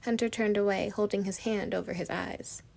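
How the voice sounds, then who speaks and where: Woman reading a fan story, slightly gravelly. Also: medium pitch, steady tone, normal speed, a little mellow. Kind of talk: amateur storybook narration.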